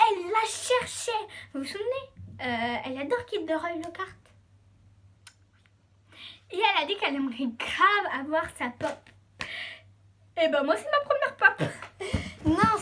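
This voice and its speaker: A woman talking to her viewers in a casual, excitable, rambling vlog with lots of fillers. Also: high-pitched, noisy background. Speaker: YouTuber showing her collection.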